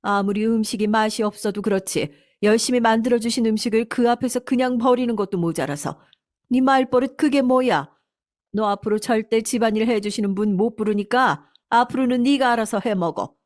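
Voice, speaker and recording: A woman's voice: on the high side, moderate pace, voice pushed up, lightly acted. A woman voicing a stern mother-in-law who scolds sharply and firmly. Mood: scolding.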